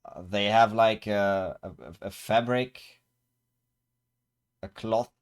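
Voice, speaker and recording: A man narrating as game master of a tabletop game, describing scenes slowly and searching for words with many fillers and restarts. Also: fairly low pitch, fairly even intonation, smooth.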